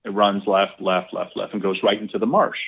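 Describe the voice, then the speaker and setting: A middle-aged man, a golf club owner, telling a lively casual story and acting out quoted dialogue, with some swearing. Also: lowish voice, normal speed, vocal fry, husky. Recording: tinny phone-like line.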